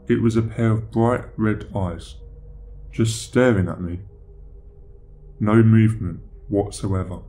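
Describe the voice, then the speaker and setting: Male horror narrator, low voice, unhurried, somber scripted read, faint hiss behind. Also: dark tone.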